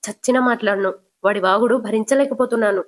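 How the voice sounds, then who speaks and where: A fiery young wife protests with stubborn indignation, voiced by a woman narrator. Her voice is a touch high. She sounds fed up. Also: quick pace, close to an everyday voice. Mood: indignant.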